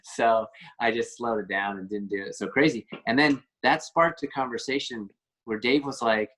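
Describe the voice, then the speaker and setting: A man's voice: medium pitch, moderate pace, fairly bright tone. A man, an actor being interviewed, talking casually and rambling a bit as he searches for words. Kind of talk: casual chat.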